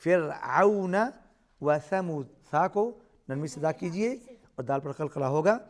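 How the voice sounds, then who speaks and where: Man, Quran teacher, high voice, slow drawn-out recitation, quick explanations. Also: lively intonation, a little mellow.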